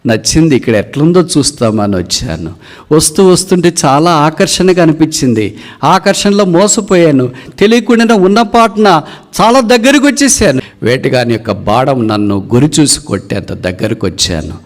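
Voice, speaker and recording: A male preacher voicing a wounded eagle king who laments his fall, his voice climbing into high emotional cries. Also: expressive, brisk, few pauses, a little mellow, big-room sound. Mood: lamenting.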